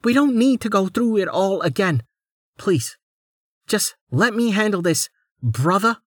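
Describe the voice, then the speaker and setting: Casting: man putting on a high, imperious noblewoman, snapping orders, storybook reading. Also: expressive, a little slow, fairly bright tone, dry recording, studio quality, exaggerated voice. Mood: impatient. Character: commanding, impatient noble lady. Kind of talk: audiobook character voice.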